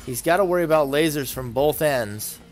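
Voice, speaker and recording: A man commentating a video game tournament, calling the action play by play with brisk, excited energy. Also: a little high, faint music behind.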